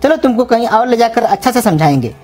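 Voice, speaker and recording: A woman's voice: on the high side, fast talker, background noise, natural voice. A woman doing a crafty, sweet-talking young trickster. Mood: flattering. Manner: coaxing, flattering, persuasive. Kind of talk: animated comedy cartoon voice. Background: music.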